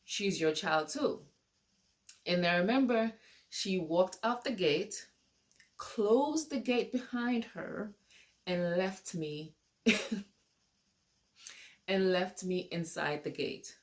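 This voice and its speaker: A woman's voice: mid-range voice, expressive, slow, pauses often. A woman telling a personal story to camera in a casual, rambling way, repeating and restarting her sentences.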